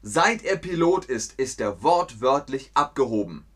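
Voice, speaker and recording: A man runs an idiom lesson at a slow, unhurried pace, repeating every phrase so it sinks in. His voice sits in a middle register. He keeps it playful, slipping into little acted-out scenes. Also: mid-range voice, very animated, fairly bright tone. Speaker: German teacher. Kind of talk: language lesson explaining idioms.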